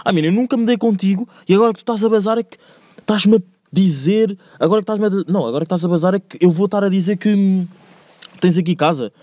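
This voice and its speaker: A young man with a European Portuguese accent hosts a solo podcast from home. He talks at a rapid clip in loose, slang-filled rambles that build into heated rants. The recording is dry, with no room sound. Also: sits high, mellow, no echo. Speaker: podcast host. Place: indoors, recorded alone at home.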